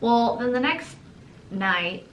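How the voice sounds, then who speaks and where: Animated young woman telling a story. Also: fairly high pitch, takes it slowly, highs cut off, slight background noise. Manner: animated, acts out quotes, laughs often. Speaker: channel co-host. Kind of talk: casual storytelling. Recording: echoey room.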